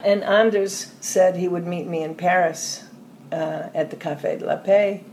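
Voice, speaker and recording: An older woman recounts her life in long, meandering anecdotes, often trailing off softly. Her voice sits a little low, and the room gives it a noticeable echo over a faint background hiss. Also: fairly even intonation, a little slow. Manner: rambling anecdotes with soft trailing asides and laughs. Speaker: interview guest. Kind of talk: storytelling in a podcast interview. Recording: roomy echo with faint ambient noise.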